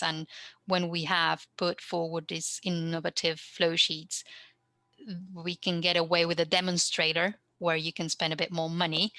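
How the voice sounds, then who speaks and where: Low-voiced woman panelist. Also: bright, forceful tone, dry recording. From Argentina. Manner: thoughtful, hedging, frequent restarts. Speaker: panelist, university researcher. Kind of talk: conference panel discussion. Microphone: video call.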